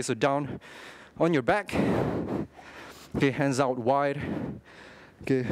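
A young man instructing a workout, energetic, talking in short clipped cues and counts with frequent okays while exercising. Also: mid-range voice, no room sound. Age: young adult. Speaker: fitness instructor.

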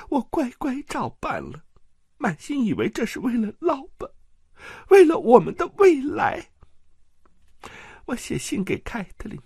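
A man's voice: darkish tone, husky, no echo, clean studio sound, full character voice. A man voicing a jealous, hysterical noblewoman who sobs and wails in an audiobook. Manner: shrill, sobbing, breaking into cries. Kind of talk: audiobook character voice.

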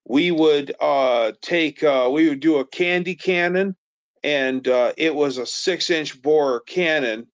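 A middle-aged man co-hosting a casual live chat, telling folksy stories and chiming in with quick agreement. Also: a little high, no room sound. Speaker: co-host of a car show live stream. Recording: dull dry lo-fi stream audio.

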